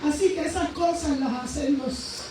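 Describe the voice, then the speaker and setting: A woman preacher giving a fervent testimony in a sermon, emphatic and swinging between raised and hushed speech. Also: high-pitched, moderate pace, a crowd in the background. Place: church sanctuary. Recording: very echoey church hall, voice from far off, faint noise.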